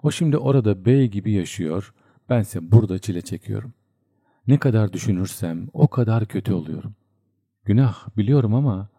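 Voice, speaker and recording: A man's voice: fairly low pitch, lively intonation, fairly quick, dark tone, slightly rough, no echo, clean studio sound. A man reading a chatty homesick young soldier. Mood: rueful. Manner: rambling confiding storyteller.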